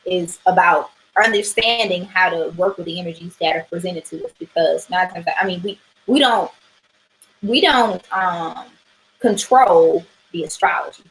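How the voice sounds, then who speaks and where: A woman's voice: fairly low pitch, poor audio. Chatty woman giving an astrology reading. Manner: chatty, swears casually, many fillers and "right?". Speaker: tarot and astrology reader. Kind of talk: casual livestream talk.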